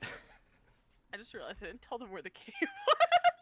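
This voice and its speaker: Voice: medium pitch, huge pitch swings, a little slow, background noise. A player in a tabletop game, chatting casually with giggly, teasing banter.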